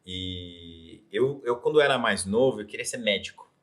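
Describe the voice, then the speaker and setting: A man's voice: fairly low pitch, moderate pace. A young Brazilian man, a Portuguese teacher, talking enthusiastically as a guest in a casual interview. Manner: enthusiastic, animated, shifts into soft reflective storytelling.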